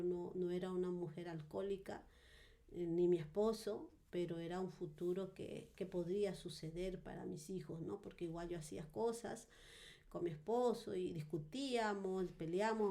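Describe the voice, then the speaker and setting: A woman telling her personal testimony in a podcast interview, earnest and reflective, often pausing on fillers and tag questions. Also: fairly low pitch, gravelly, mellow. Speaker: guest giving a testimony.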